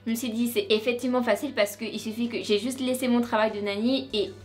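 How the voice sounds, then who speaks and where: A woman's voice: on the high side, steady tone, fast, faint music behind. A young woman from France telling her story to camera in a casual vlog, chatty and full of restarts and asides. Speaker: vlogger.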